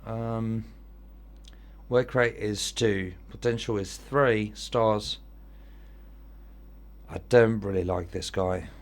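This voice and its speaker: A man's voice: fairly low pitch, steady tone, slow, long pauses. A man with an Italian accent giving casual commentary on an online football manager game, thinking aloud as he weighs his choices.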